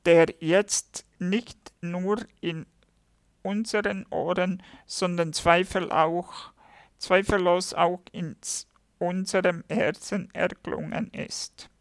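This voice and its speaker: Very slow, gravelly devotional reader. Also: medium pitch, dry recording, clean studio sound. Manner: halting, deliberate reading with small self-corrections. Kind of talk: slow devotional reading of scripture and commentary.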